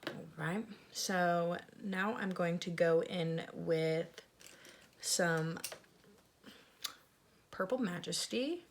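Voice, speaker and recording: A woman's voice: fairly low pitch, drawn-out words, pauses often, slight background noise. A woman with a lisp that makes her s sounds slushy, chatting casually and self-deprecatingly as a beauty vlogger reviewing makeup.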